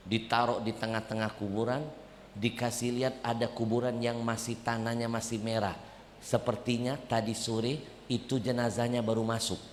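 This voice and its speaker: A man's voice: fairly low pitch, slight background noise. Man preaching in an echoey hall. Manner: animated, comic storytelling. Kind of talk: storytelling sermon. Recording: echoey hall, faint ambience.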